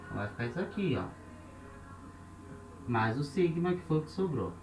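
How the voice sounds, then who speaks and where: A man's voice: on the high side, big pitch swings, normal speed, recorded from a distance. A Brazilian man with a Brazilian Portuguese accent, teaching a lesson step by step, counting aloud and often checking with his listeners. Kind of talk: classroom lesson at a board. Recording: roomy echo, off-mic, faint hiss.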